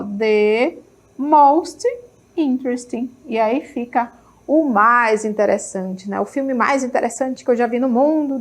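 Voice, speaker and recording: A Brazilian woman with a slightly high voice leads an English class in a Brazilian Portuguese accent. She is upbeat and encouraging, keeps checking that her students are following, and says each English word slowly so they can repeat it. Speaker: English teacher. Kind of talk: televised classroom lesson.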